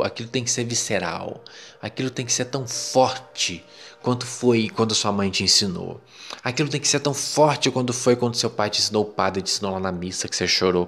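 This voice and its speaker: A man with a Brazilian Portuguese accent teaching a self-help course lesson, talking in a lively, emphatic way. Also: lowish voice. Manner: lively, emphatic, mimics parents' voices. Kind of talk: lecture on beliefs.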